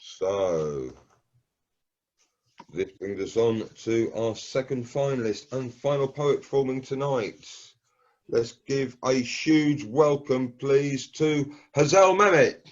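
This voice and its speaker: Slow-talking man hosting, dull lo-fi sound. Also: medium pitch. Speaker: host of an online poetry slam. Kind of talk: live event hosting. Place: online video call.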